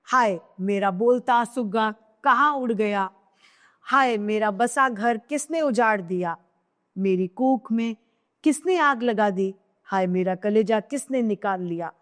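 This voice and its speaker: A woman's voice: medium pitch, takes it slowly, big-room sound, natural voice. A woman voicing a grieving queen mother who laments over her dead son with repeated cries. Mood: grief-stricken. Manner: wailing lament, cries of hai.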